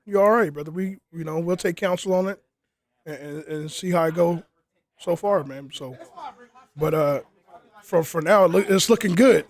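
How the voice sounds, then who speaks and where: A man's voice: a little high, moderate pace, pauses often. A man hosting a casual outdoor podcast interview, who keeps tossing in "you know what I'm saying" as he talks. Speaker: interviewer and group leader. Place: outdoors in the cold.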